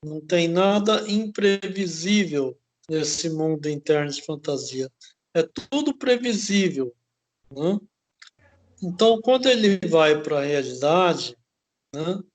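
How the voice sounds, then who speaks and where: A man hosting an interview, explaining at length in a halting way and often tagging his phrases with a questioning "né?". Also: fairly high pitch, lively intonation. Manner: slow, halting, ends phrases with "né?". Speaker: host.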